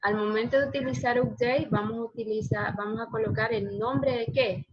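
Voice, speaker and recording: A woman's voice: a little high, fairly even intonation, moderate pace, slightly rough. Patient woman teaching a class. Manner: patient, asks students many questions. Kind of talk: online class lesson. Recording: dull lo-fi sound, faint noise.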